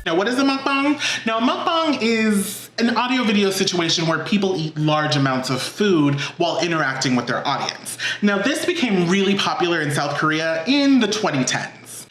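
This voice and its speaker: A chatty, encouraging man talks through a casual mukbang vlog, filling his sentences with "um" and "like." His voice sits a little high for a man. The sound rings around an echoey kitchen. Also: fairly bright tone. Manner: chatty and encouraging, many "um" and "like" fillers. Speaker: cooking channel host. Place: home kitchen. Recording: echoey room.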